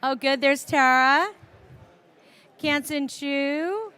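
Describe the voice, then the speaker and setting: A woman's voice: high-pitched, drawn-out words, bright, forceful tone. A woman emceeing an outdoor ribbon-cutting ceremony, upbeat and teasing as she coaxes the crowd into their seats. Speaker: emcee and transit board chair. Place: outdoor transit station ceremony.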